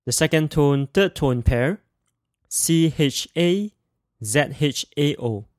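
A Mandarin pronunciation teacher with a medium-pitched voice practices tones at an extremely slow pace. Each syllable is set out separately and deliberately, in a dry, close recording. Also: lively intonation, dry recording. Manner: deliberate, enunciates each syllable and spells out letters. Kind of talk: language lesson drill, practicing Mandarin tones word by word.

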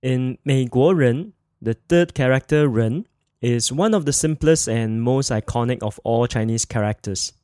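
A man teaching a podcast language lesson, speaking clearly and slowing down to repeat words for learners. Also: mid-range voice, warm tone, no room sound, studio quality. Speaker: Mandarin teacher.

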